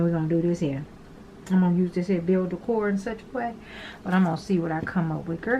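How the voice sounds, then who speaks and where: Woman, home nail vlogger, chatty and rambling, mid pitch, faint fan hum. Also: a little mellow, lo-fi sound. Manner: talkative, addresses viewers as "girl"; rambling, repeats herself. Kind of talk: casual chatty tutorial. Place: small home room with an overhead fan.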